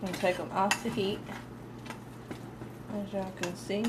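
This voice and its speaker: A woman's voice: mid-range voice, level tone, a little slow. Woman, twenties, casual cooking show host, chatty, talks straight to viewers, home kitchen, frying noise behind. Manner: chatty, talks to viewers directly, laughs easily. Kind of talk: casual live cooking demonstration. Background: sizzling pans and utensil clatter.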